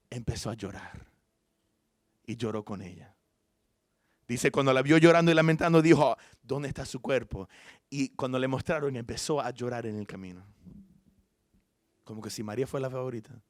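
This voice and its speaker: A man preaching a sermon as pastor. He tells the story with animation, swings between hushed and loud passages, and adds informal asides and self-corrections. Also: mid-range voice, no room sound, studio quality.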